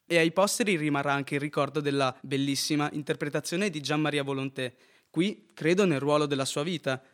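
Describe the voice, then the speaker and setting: An earnest man co-hosting a casual film review, laying out his points and checking in with the listener as he goes. His voice sits a little high for a man. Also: brisk, fairly bright tone. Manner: earnest, with tag questions.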